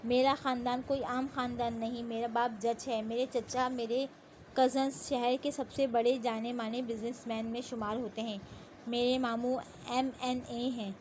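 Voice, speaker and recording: A woman reading the part of a proud, hot-tempered young woman in an audio novel, sharp and indignant in her lines. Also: fairly high pitch, level tone, slight background noise, lightly acted. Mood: resigned.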